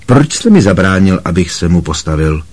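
A man's voice: low voice, very animated, darkish tone, slightly rough, exaggerated voice. A man voicing an anxious, earnest teenage boy wizard pupil who speaks hesitantly.

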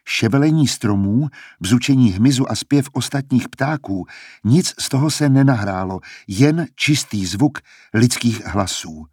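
A man reading a novel aloud as an audiobook narrator, in measured storytelling. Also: medium pitch, expressive, a little mellow, slightly rough, dry recording, clean studio sound. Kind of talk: scripted narration.

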